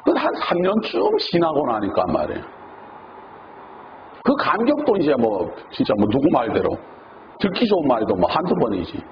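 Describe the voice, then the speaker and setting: A man's voice: fairly high pitch, moderate pace, creaky. A man preaching a sermon as pastor, acting out the words of the people he quotes. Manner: animated, acts out quoted speech. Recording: dull, noisy lo-fi recording.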